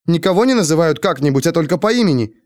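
A man doing a frantic high-voiced young woman. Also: expressive, a little mellow, dry recording, clean studio sound, lightly acted. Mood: flustered. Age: 20s. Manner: frantic, fast, wailing. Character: anxious, rambling young woman patient.

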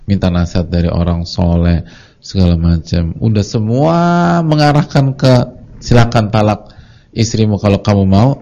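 Male preacher, lively sermon, dark husky tone on a muffled recording. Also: low voice. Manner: lively, acts out congregants' voices. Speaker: Islamic preacher. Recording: dull lo-fi audio recording.

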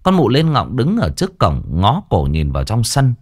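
A man narrating a ghost story with dramatic, animated delivery. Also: mid-range voice, normal speed.

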